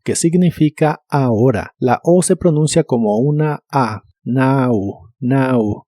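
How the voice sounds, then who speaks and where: Male language teacher, dark mellow tone, dry close sound, deliberate drill delivery. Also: a little high, dry recording. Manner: slow, deliberate pronunciation drills with repetitions. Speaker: English teacher. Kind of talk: scripted language lesson narration.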